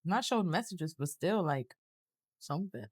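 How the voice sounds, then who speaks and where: A woman's voice: fairly low pitch, unhurried, husky, no room sound, studio quality. A young woman co-hosting a podcast, telling stories in a casual chat and laughing often. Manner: animated storytelling, laughs often. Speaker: podcast co-host.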